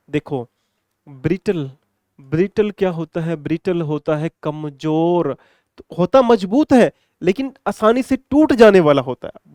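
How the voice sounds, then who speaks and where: A man runs an exam-prep vocabulary lesson, chatting and repeating key points to his students. His voice sits high and comes across smooth and clear. The sound is dry and close, with no room around it. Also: a little mellow, no echo. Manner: chatty, repetitive, addresses students affectionately. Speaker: English teacher.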